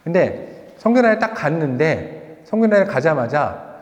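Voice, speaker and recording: A male pastor preaching a sermon, telling a personal story with lively rhetorical questions, then leading a prayer. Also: fairly high pitch, normal speed, in a large hall. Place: church sanctuary.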